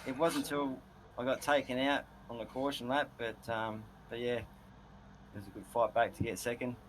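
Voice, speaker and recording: A man with an Australian accent chats casually as a racing driver after a race. His voice is mid-pitched, with faint noise behind it. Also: flat delivery, normal speed, rough recording. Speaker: podium driver being interviewed. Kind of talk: casual post-race chat.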